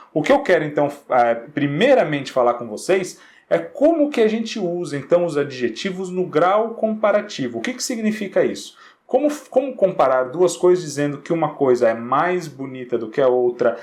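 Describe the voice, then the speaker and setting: A man teaching an English grammar lesson in Portuguese. He explains patiently, keeps checking in with short questions, and says English words slowly so they can be copied. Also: on the high side, darkish tone. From Brazil.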